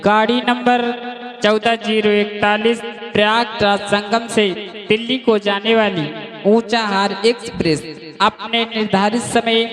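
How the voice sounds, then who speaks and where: A man voicing a railway station announcer over a mimicked loudspeaker, in slow, formal, drawn-out tones on a live folk theatre stage. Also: high voice, little pitch movement. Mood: announcing. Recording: echoey live stage with crowd.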